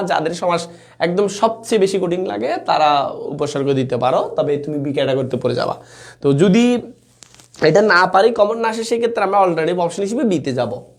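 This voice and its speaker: Man, young, teacher, casual live lesson, keeps asking if students follow, fairly high voice. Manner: informal, chatty, reads out comments, asks "কেমন?" often. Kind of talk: live online exam-prep class.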